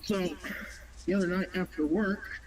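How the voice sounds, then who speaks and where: A man's voice: sits high, fairly even intonation, measured pace. A man telling anecdotes in casual chat. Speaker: podcast regular, store worker. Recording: distant mic, faint background noise.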